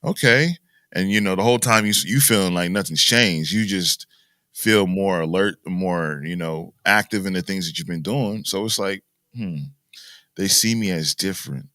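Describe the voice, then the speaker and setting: Deep-voiced american guy rambling on a podcast, dry close sound. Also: normal speed, sharp tone, dry recording. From United States. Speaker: podcast co-host. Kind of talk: casual chat.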